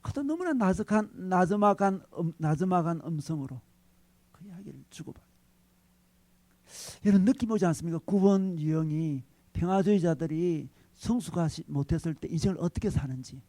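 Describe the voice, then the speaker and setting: A man preaching a sermon as pastor, acting out quoted lines with sudden swings between loud and soft. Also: on the high side, expressive, moderate pace, no room sound.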